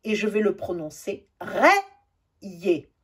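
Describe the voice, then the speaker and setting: Slow, careful woman teaching spelling. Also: medium pitch, sing-song, a little mellow, slightly rough. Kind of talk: spelling lesson correction.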